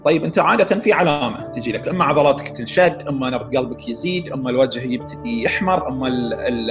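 A man, a psychiatrist guest who explains patiently with everyday examples and frequent pauses to find the word. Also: medium pitch, dull audio. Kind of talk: casual expert explanation.

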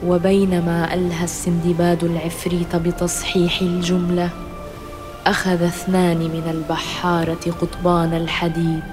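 A narrator reading a scripted children's adventure story in a measured storytelling style. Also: male voice, on the high side.

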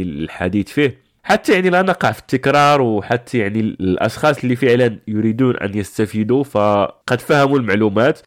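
A man's voice: medium pitch, dry recording, clean studio sound. A man hosting a personal finance show, talking straight to the listener in an earnest, motivational way with frequent filler words.

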